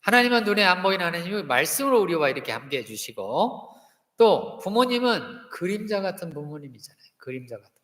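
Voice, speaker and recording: A man's voice: sits high, very animated, a little fast, fairly bright tone. A pastor in his fifties preaching a sermon, often putting questions to the congregation and having them repeat lines after him. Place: church sanctuary. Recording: echoey hall with long reverb.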